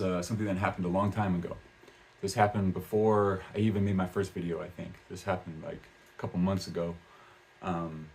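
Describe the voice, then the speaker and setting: In a casual vlog, a deep-voiced man whose first language is English rambles about learning a language, filling his speech with "um" and "uh" and often starting sentences over. There is slight background noise.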